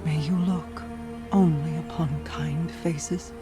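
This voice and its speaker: An actress playing an ancient, grieving but composed female leader in a video game, speaking in measured, formal phrases. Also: low voice, fairly even intonation, over music. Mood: sorrowful, tender. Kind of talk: dramatic video game acting.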